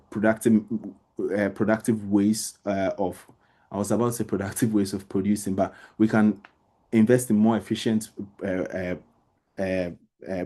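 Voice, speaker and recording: Man, lowish pitch, very mellow tone, explanatory teaching style, emphatic repetition, direct address to learners. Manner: repeats words and phrases for emphasis; addresses listeners directly with everyday examples. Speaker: debate trainer and lecturer. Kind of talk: informal explanatory lecture.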